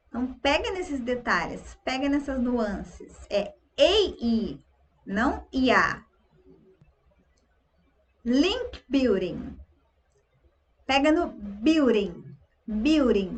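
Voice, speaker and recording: Brazilian female English teacher, high-pitched and slow-paced, repeats each word patiently. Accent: Brazilian Portuguese. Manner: drills pronunciation, repeating words slowly. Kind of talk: online language lesson.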